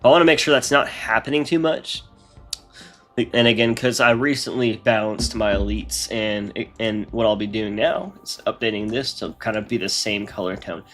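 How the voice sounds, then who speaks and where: A man's voice: on the low side, steady tone, normal speed, a bit bright, faint music behind. A man with a congested, nasal voice, chatting casually on a live stream as he rambles through his modding work aloud.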